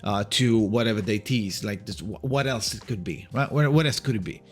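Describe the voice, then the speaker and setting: A man's voice: on the low side, brisk, husky, soft background music. A man giving casual, speculative video commentary, rambling and hesitant, repeating words and swearing lightly. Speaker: video creator giving game news.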